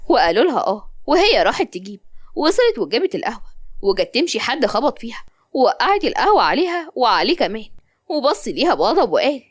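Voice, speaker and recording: A woman's voice: fairly high pitch, no echo. A woman with an Upper Egyptian accent narrating a serialized story in a chatty way, talking straight to her listeners. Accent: Upper Egyptian (Sa'idi). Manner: chatty, animated, addresses listeners directly.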